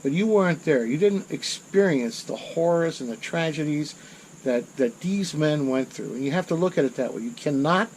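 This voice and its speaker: A man's voice: a little high, lively intonation, normal speed, a little mellow, slight background noise, low-quality recording. A middle-aged man telling a war story in a rambling, self-correcting way. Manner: rambling, self-correcting, rises in intensity at dramatic moments. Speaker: channel host. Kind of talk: casual storytelling monologue.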